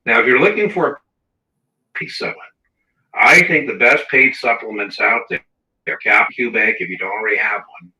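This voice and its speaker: A man runs a live exam-prep Q&A in casual livestream fashion, chatty and brisk with a sharp tone, repeating words for emphasis. The wrong mic, placed across the room, makes the sound tinny, roomy and low-quality, and it cuts in and out.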